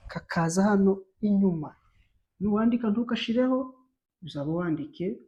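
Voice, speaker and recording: A woman with a Rwandan accent teaching a beginner French lesson. She drills syllables slowly and clearly, repeating them and getting louder on each drill. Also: deep voice.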